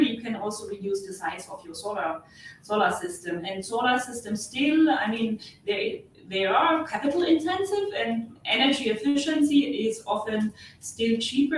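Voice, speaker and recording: Brief: German woman, non-native English, hesitant consultant on a webinar, roomy far-off call sound, faint hum. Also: a little high. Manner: hesitant, many fillers. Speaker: webinar speaker, energy consultant. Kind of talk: webinar Q&A answer. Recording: echoey, distant video-call audio with faint hum.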